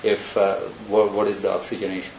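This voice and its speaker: A man with a lowish, creaky, darkish voice lectures briskly and flatly in a university lecture room, thinking aloud discursively through many examples. The recording sounds roomy and dull, with hiss.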